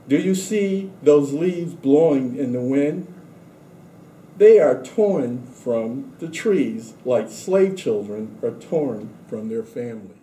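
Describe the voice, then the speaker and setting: A man on a school staff reading aloud to children in a measured, deliberate way. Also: mid-range voice, warm tone. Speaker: school administrator introducing and reading a story. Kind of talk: scripted read-aloud for children. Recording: roomy echo with faint background noise.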